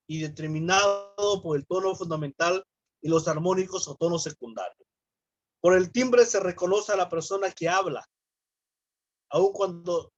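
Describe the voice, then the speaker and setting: A man's voice: high voice, no echo, highs cut off. A man, a pastor, teaching a church class on public speaking. He explains terms, asks the class questions and acts out sample greetings.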